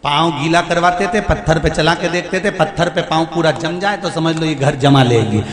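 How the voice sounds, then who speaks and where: A man's voice: on the high side, normal speed. A man preaching a devotional sermon at a live event, pleading and emphatic, full of rhetorical repetition. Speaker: katha preacher. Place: large hall, live event. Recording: echoey hall with music behind.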